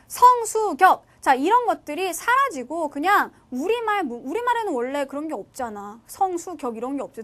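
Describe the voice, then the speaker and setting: A woman lectures her students in a lively, sing-song way, her high voice swooping up and down. She keeps tossing questions to the class and answering them herself. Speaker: teacher.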